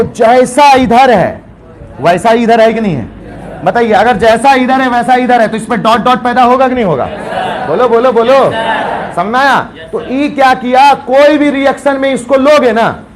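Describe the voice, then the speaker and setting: High-voiced playful teacher. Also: male voice. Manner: playful, storytelling, quizzes students. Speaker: chemistry teacher. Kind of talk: classroom lecture. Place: classroom.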